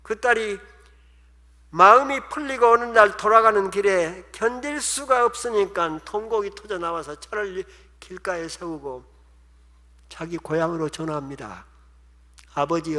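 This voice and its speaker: Korean pastor in a reverberant church. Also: male voice, on the high side, bright, forceful tone. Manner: emotional, acts out quoted voices. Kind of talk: sermon storytelling. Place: church sanctuary. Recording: long hall reverb.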